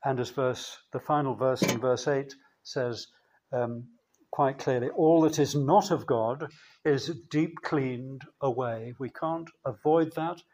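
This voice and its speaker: A man preaching a sermon in a church, slow and measured, with emphatic pauses. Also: medium pitch, a little mellow, slight background noise.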